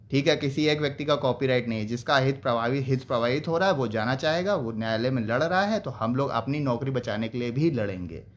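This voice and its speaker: A young man organizing a teachers' group, talking on a live stream, earnest and appealing, growing heated and insistent as he answers viewers. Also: fairly high pitch.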